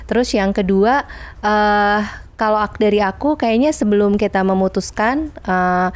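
A woman psychologist speaking as a podcast guest in a mid-pitched voice. She is thoughtful and hedges a lot, dotting her sentences with fillers and soft tag questions. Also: unhurried. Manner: thoughtful, hedging with many fillers and "gitu ya" tags. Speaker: clinical and family psychologist guest. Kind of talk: casual podcast chat.

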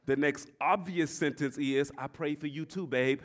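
A pastor in his forties preaching a sermon, swinging from shouted exhortation to quiet, confiding talk, and repeating his phrases. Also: on the high side, a little slow. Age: 40s. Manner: repeats phrases and tells the congregation to address their neighbor.

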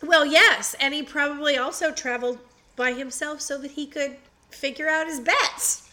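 Woman, podcast co-host, playful teasing banter, high bright voice. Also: rough recording. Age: adult, married. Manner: playful, teasing, quick quips. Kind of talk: casual chat, joking banter.

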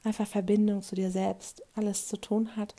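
Woman coach with a gravelly voice. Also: medium pitch, level tone, warm tone. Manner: earnest and direct, often asking a quick "ja?" for agreement. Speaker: life coach. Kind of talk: motivational monologue addressed to the listener.

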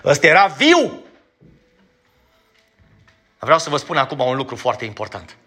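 A man preaching a sermon in a church, emphatic and blunt, asking his congregation direct questions and sometimes stumbling over his words as he rushes. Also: a little high, wildly swooping pitch, pushed and bright, faint music behind. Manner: stumbles when rushing.

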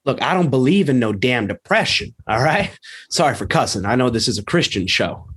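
Sounding a bit bright, a man speaks expressively and a little fast as a blustering, ignorant football coach from a small town in a comedy sketch. The coach is gruff, breaking now and then into abrupt high-pitched outbursts.

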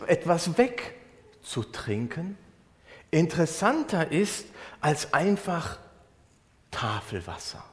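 A German pastor preaching in a conversational way, explaining a Bible verse with everyday examples. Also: male voice, fairly high pitch. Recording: long hall reverb.

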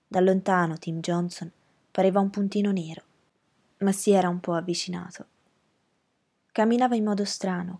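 A woman reading a novel aloud in a calm, measured, soft-spoken way. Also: lowish voice, breathy edge. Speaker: audiobook reader.

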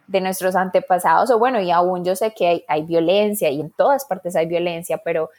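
A woman from Colombia with a strong Colombian accent, co-hosting a podcast and speaking earnestly and reflectively, slowing down to stress her points. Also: lowish voice, a little mellow. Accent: Colombian Spanish. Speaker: podcast co-host. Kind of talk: casual podcast chat.

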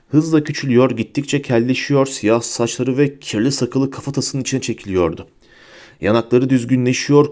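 A man narrating a fantasy audiobook in a lively storytelling manner. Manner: lively storytelling, pitches up for characters' shouts.

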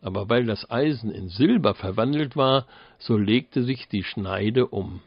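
A man narrating a fairy tale as an audiobook, in a measured, deliberate manner. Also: fairly low pitch, breathy edge, no room sound, lo-fi sound.

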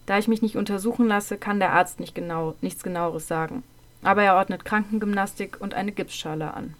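Woman telling her childhood story, calm and measured, trails off quiet at line ends. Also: medium pitch. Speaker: narrator. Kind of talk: first-person storytelling of a childhood memoir.

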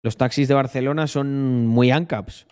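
A man's voice: mid-range voice, steady tone, measured pace, darkish tone, clear, resonant tone. Spanish man telling a slangy anecdote. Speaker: vlogger. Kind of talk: casual storytelling.

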